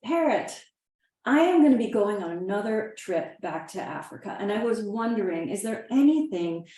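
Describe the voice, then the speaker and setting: A breezy, naive adventurer man full of exclamations, as a woman storyteller puts him on. The voice sounds mellow and warm. It rings a little in a roomy space. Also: mid-range voice, lively intonation, moderate pace, recorded from a distance, lightly acted. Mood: upbeat. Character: cheerful, naive male adventurer, adult. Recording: roomy echo.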